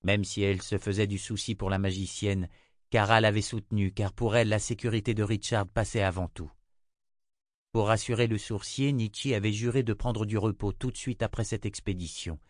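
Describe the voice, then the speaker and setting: A man reading fantasy fiction aloud in an even, measured narration. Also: fairly low pitch, dry recording, studio quality. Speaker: audiobook reader.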